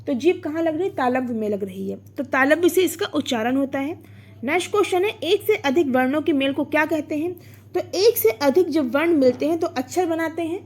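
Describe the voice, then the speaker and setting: A woman's voice: high voice, a little mellow. A woman teaching an online exam-prep grammar lesson, explaining step by step, asking her own questions and answering them, sounding out vowels and syllables.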